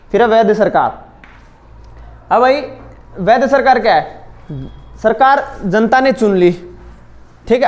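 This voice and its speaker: A young man teaching a school class, explaining terms step by step and asking his students questions. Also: high voice. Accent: Hindi-English mix. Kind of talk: classroom lecture.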